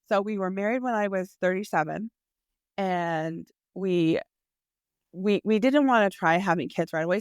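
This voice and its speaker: A podcast host and dating coach in her forties gives an earnest, emphatic faith-based motivational talk in a medium-pitched voice, recorded with studio quality and no room sound. She speaks intimately to the listener, calling her "sis," and repeats phrases for emphasis.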